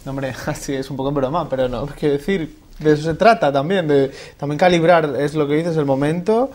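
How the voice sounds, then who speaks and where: Male host, slightly high voice, informal, reflective interview chat. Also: fairly quick, darkish tone. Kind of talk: conversational interview.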